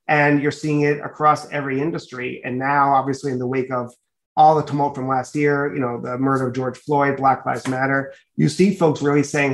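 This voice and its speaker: A middle-aged man, raised in a Dominican family in the United States, answering interview questions earnestly and fluently, with many "you know" fillers. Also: mid-range voice. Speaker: guest, media company executive.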